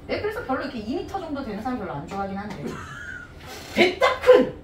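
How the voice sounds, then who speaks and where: A woman's voice: high voice, very animated, fast talker, slight background noise. A woman Sunday school teacher giving a playful, chatty Bible lesson to children in a church hall, laughing often. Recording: echoey hall, voice from a distance.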